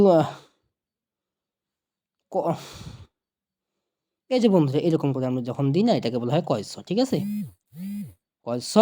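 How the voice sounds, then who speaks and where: Patient online tutor with a soft, warm tone who talks to viewers like friends and repeats each point. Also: mid-range voice. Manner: patient, repeats and checks understanding; addresses viewers warmly as friends. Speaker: online English teacher. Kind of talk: explanatory video lesson.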